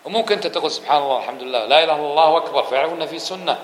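Male teacher giving a religious lesson in an echoey room with faint hum, quick-talking. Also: fairly high pitch. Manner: questions listeners and answers himself; fast, lively delivery that drops to quick murmured dhikr runs. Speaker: Islamic scholar teaching a lesson. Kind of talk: religious lesson to a mosque audience.

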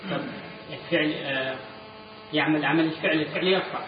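A man's voice: on the high side, steady tone, a little fast. A man attending a grammar class who asks hesitant, tentative questions. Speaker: student. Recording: distant, echoey hall, muffled and noisy.

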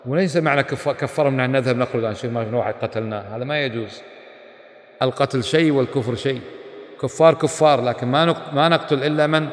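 A man gives a religious lesson, speaking emphatically and firing rhetorical questions at his listeners. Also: medium pitch. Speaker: Islamic scholar teaching a class. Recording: echoey hall with long reverb.

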